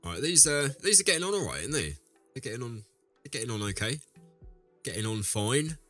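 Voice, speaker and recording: A man's voice: medium pitch, big pitch swings, fairly quick, sharp tone, faint music behind. A man, audibly ill, chatting casually through a game and rambling with self-corrections as he addresses viewers. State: ill, deeper voice than usual. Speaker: let's play host. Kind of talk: casual gameplay commentary.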